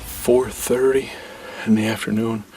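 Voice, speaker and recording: A man's voice: lowish voice, a little slow, husky, faint music behind. A man hosting an outdoor hunting show, talking plainly from a hunting blind and a little out of breath. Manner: relaxed, plain-spoken, outdoorsy. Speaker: host.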